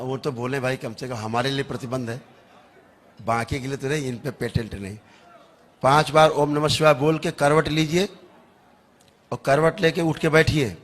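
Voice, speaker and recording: Soft-spoken man leading a healing session. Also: medium pitch. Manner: soothing, chanting, wryly joking. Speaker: spiritual healer. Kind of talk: public healing session talk.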